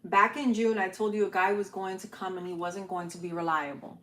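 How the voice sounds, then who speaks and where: A woman's voice: mid-range voice, little pitch movement, a little fast, a bit bright. A woman giving a casual live-stream tarot reading, chatty and informal, swearing and laughing easily as she talks from her home setup. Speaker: tarot reader. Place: home setup, newly moved.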